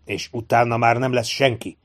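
A man playing a calm, seasoned manhunter. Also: medium pitch, close to an everyday voice. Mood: steady. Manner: gentle, quietly assured, measured.

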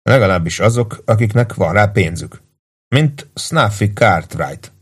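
Brief: low-voiced male narrator, measured and even. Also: husky. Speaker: audiobook narrator. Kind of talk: scripted narration.

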